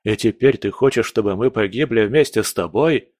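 A tired, reproachful count with a low and resigned delivery, played by a man in an audiobook. The voice sits deep and the recording is dry. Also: moderate pace, darkish tone, dry recording, lightly acted.

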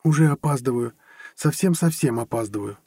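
A man reading an audiobook, voicing a playful, teasing young woman, the narrator's girlfriend, in a lighter, higher voice. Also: expressive, moderate pace, warm tone, slightly rough, dry recording, studio quality. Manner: light, teasing, giggly speech.

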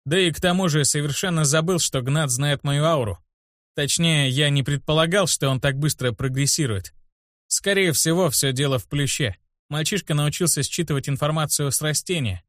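A curt, mocking young hero, blunt and quietly cunning, as a man reads him in his own voice. His lines come out fairly high and close to the mic. The sound stays dry and plain. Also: no echo, natural voice.

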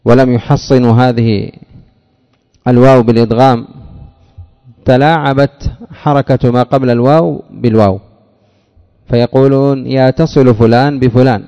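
A man teaching an Arabic grammar lesson, explaining step by step, asking rhetorical questions and drawling out example words slowly. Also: medium pitch, mellow, long reverb tail, highs cut off. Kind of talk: classroom lecture on grammar.

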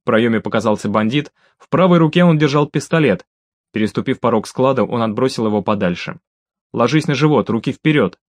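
Male audiobook reader, steady mid-range voice, raises pitch for shouting characters, dry booth sound. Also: a little fast, dry recording. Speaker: audiobook narrator. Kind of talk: audiobook reading with voiced dialogue.

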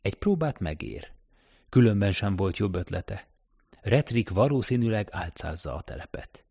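A man narrating an audiobook, reading in an even, steady manner. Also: lowish voice, vocal fry, slightly rough, dry recording, studio quality. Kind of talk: scripted narration.

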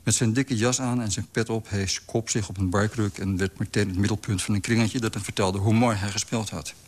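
A man reading a literary story aloud in a calm, measured way. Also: fairly low pitch. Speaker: narrator. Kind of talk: scripted literary narration.

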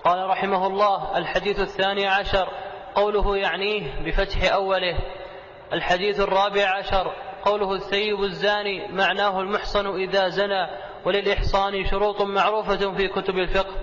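A man's voice: high-pitched, little pitch movement, fairly quick, fairly bright tone. A man, a student, reading a classical text aloud in a formal recitation. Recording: echoey hall, dull lo-fi audio.

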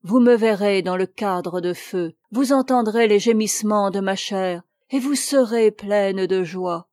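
Woman reading a fiery young lover from a storybook, slow and passionate, dry sound. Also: mid-range voice, darkish tone, no echo, lightly acted. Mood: ardent. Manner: impassioned, declaiming. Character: young male captive lover, ardent and pleading.

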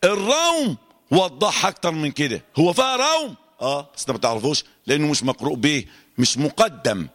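A man with an Egyptian accent teaching Quran recitation rules to a class, quizzing students and chanting verses slowly to demonstrate. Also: fairly high pitch, lively intonation, fairly bright tone, in a large hall. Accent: Egyptian Arabic. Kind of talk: classroom lesson on tajweed.

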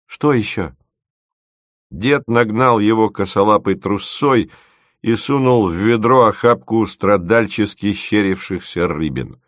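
Low-voiced man narrating a story. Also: measured pace, dry recording, clean studio sound. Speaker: audiobook narrator. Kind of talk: scripted narration.

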